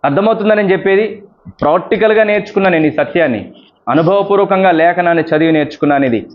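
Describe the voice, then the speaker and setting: Telugu pastor preaching, high voice, dull recording. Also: male voice, fast talker. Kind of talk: Telugu sermon with scripture reading.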